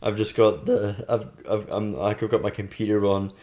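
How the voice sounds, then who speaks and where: A man with a low voice chatting casually on a home podcast. He hunts for words, trails off and fills gaps with ums and short laughs. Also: flat delivery, normal speed, darkish tone. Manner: hesitant, trailing off with fillers and laughs. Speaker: podcast host. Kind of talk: casual chat.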